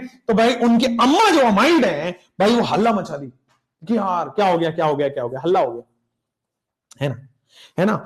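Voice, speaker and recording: Lively, playful male chemistry teacher. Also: very high-pitched. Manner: playful storytelling, repeats chants slowly, addresses students as beta. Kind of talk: animated classroom lecture with mnemonics.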